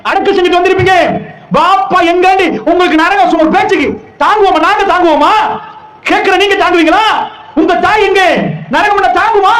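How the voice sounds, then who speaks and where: A man's voice: extremely high pitch, a bit bright, roomy sound, low-quality recording. A man preaching an Islamic sermon, fervent and emotional, firing rhetorical questions at the congregation.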